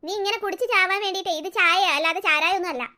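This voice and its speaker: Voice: very high voice, steady tone, fast, sharp tone, full character voice. A performer voicing a nervous but sensible young male friend who coaxes and makes dry, sarcastic remarks. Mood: coaxing. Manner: coaxing, worried, dryly sarcastic.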